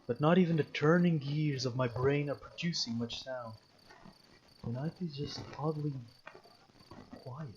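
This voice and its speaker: A gaming video host plays through a visual novel, reading the text aloud and breaking off for jokey, sweary exclamations. His voice is on the high side and unhurried with long pauses, and the recording is muffled with a noisy background.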